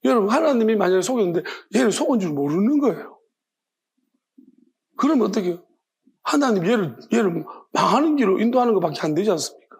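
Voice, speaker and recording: A man's voice: high voice, very animated, fast, creaky, breathy edge. A man preaching a sermon at a Friday worship service as pastor, in a conversational and impassioned way, asking the congregation questions and often restarting his sentences.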